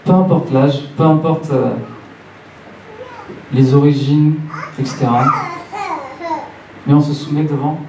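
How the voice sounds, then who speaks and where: A man in his late thirties with a slightly high voice and fairly even intonation preaches a sermon a little slowly, leaving long pauses. He instructs his congregation in a church hall, repeating phrases for emphasis, heard through a distant mic in a roomy space with faint noise.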